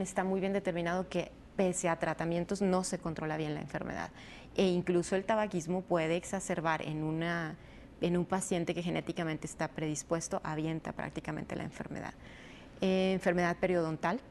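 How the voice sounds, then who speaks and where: A woman rheumatologist, explaining a disease in measured interview answers with frequent fillers. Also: lowish voice, a little mellow. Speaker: rheumatologist guest. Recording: faint background noise.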